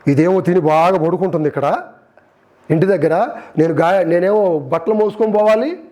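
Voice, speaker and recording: A sulky, whining donkey who grumbles about his burden and resents his lot, as a man puts him on while preaching. The voice sits a little lower than the storyteller's own, quick to complain. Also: darkish tone, natural voice. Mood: grumbling. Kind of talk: sermon storytelling.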